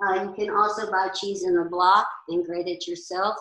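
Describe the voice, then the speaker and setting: With a steady, sharp, mid-range voice at moderate speed, a woman chef in her sixties leads an informal class on meal planning. She's practical and talkative, standing and pointing at boards inside a large commercial kitchen that gives the audio an echoey quality.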